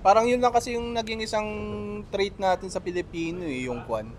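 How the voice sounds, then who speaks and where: A man co-hosting a casual podcast, chiming in with relaxed, short remarks. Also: high-pitched, fairly quick.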